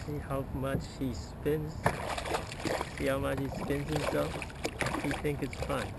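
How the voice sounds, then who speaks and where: A man vlogging from a kayak on a river, commentating excitedly with lots of fillers. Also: mid-range voice, slow, vocal fry. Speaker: fishing vlogger. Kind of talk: casual fishing commentary. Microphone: action camera. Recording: loud wind and water noise.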